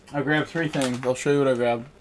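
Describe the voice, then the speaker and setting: A man chatting casually on a live stream, rambling and relaxed while he snacks and races. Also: mid-range voice, slight background noise, rough recording. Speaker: sim racing streamer. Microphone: headset.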